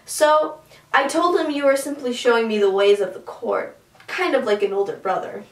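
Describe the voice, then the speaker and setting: A woman voicing a sly, quirky teenage girl thief with quick, teasing quips, recorded in a roomy space. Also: fairly high pitch, lightly acted. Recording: roomy, from a distance.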